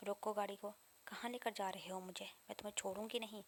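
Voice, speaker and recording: A woman reading a sharp-tongued young woman. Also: mid-range voice, fairly even intonation, slight background noise, lightly acted. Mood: indignant. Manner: curt and scornful.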